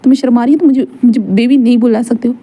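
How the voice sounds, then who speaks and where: A woman voicing a sulking young man who scolds his lover with sarcastic, sharp remarks. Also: fairly high pitch, steady tone, very fast, husky. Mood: scolding.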